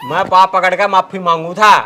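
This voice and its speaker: Village comedy drunkard played by a man: Haryanvi accent, high bright voice, plaintive, boastful town-drunk bluster, noisy location sound. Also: flat delivery, fairly quick, lightly acted. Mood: plaintive, uneasy. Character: drunkard son-in-law, cowardly yet boastful village man. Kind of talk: rural comedy skit acting.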